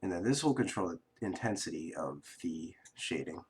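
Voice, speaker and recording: Low-voiced sick man explaining software. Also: normal speed, husky. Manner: relaxed, rambling, self-correcting with fillers. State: sick, coughing. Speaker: software tutorial host. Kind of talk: casual screen-recorded tutorial.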